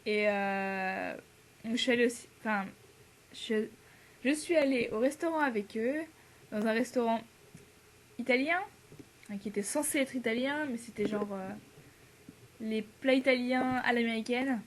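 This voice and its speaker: This French exchange student, a teenage girl, has a fairly high pitch and speaks a little slowly, leaving long pauses. Chatting casually to the camera, she laughs, uses many fillers and slips English into her talk.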